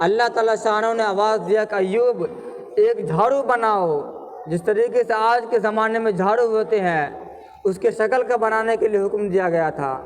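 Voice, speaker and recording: High-voiced fiery male preacher. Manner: fiery, impassioned preaching with rising loud passages. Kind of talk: sermon.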